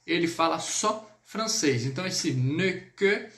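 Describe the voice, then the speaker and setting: Brazilian male French teacher, gravelly voice a bit high, patient live-lesson delivery. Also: expressive, a bit bright, roomy sound. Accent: Brazilian Portuguese. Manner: patient, repeats words slowly, checks in with "tá?". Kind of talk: live online language lesson.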